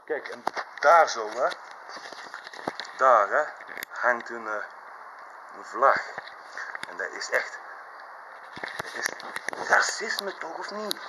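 A man's voice: mid-range voice, slow pace, pauses often, noisy background. A man who stammers, grumbling and rambling to his dog in an apartment lift. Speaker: vlogger.

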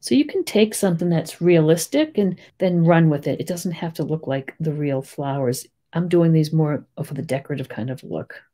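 A woman with a Boston accent giving a chatty, rambling step-by-step painting tutorial, full of gentle little asides. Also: low-pitched, normal speed, few pauses. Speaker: painting teacher.

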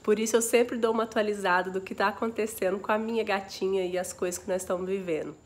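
A woman's voice: mid-range voice, steady tone, quick pace. A woman with a Brazilian Portuguese accent chatting casually to camera as a home vlogger, affectionate and full of exclamations. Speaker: family vlogger. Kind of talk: casual vlog chat to camera. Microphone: phone video.

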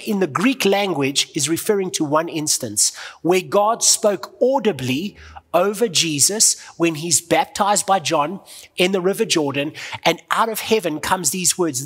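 A male pastor preaches with earnest emphasis, his voice a little husky and unpolished. The sound rings out with a long reverb, as in a large church hall. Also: high-pitched, a bit bright. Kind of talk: sermon.

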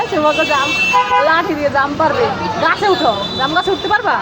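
A woman's voice: high voice, lively intonation, fairly quick, over a noisy crowd. A mother filming her small children, talking to them in a playful, coaxing way as she narrates. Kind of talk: casual family vlog narration.

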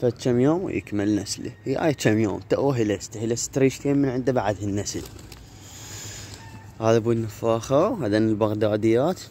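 A man's voice: fairly low pitch, a little fast, mellow. A man with an Iraqi Arabic accent chatting casually as he hosts a handheld vlog outdoors. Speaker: pigeon keeper and channel host. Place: open rooftop yard with low brick walls, outdoors. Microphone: phone held in hand, filming. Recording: outdoor phone audio with faint background noise.

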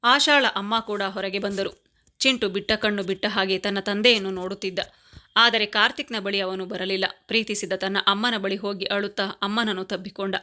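Woman, storyteller, scripted narration, steady even reading, mid pitch. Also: normal speed.

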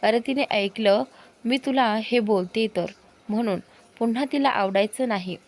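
A lively young woman in a storybook romance, the heroine's loyal best friend, who teases and bosses people around, as a woman narrator plays her. Her voice sits fairly high. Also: moderate pace, natural voice. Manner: teasing, bossy. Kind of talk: storybook character voice.

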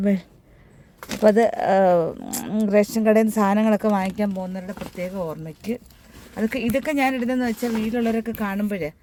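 A woman's voice: medium pitch, warm tone, a little hiss or hum. A middle-aged woman, chatting to the camera in a casual home vlog while doing chores with a sore, hurt hand. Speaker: home vlogger.

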